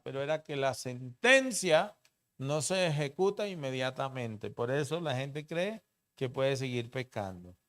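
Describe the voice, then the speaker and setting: A male pastor preaches in a clear, resonant voice that sits a little high. He keeps asking the congregation questions, pushing some lines loud and dropping others to a low murmur. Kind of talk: sermon. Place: church.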